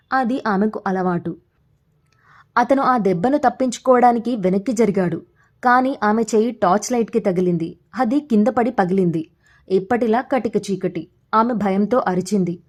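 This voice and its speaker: A woman reading a story aloud in an even, measured storytelling manner. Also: mid-range voice. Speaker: story narrator. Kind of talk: scripted story narration.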